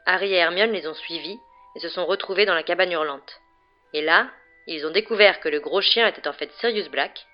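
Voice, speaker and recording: A woman reading a chapter aloud as a bedtime story for a web radio show, in a chatty, steady way. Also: on the low side, dull audio. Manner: chatty recap, then steady narration. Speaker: radio reader.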